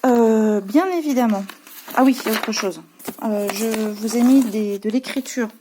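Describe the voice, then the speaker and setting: French preschool teacher lady, kinda high voice, patient, lots of euh. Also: unhurried, background noise. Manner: patient, hesitant, many fillers. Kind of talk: explaining worksheets to parents.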